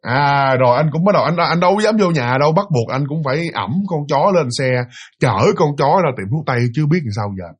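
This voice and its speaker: Male storyteller with a high, husky voice, talking fast and animated through a spooky tale. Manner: animated, fast, with many restarts and hesitations. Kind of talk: casual spoken ghost story retelling.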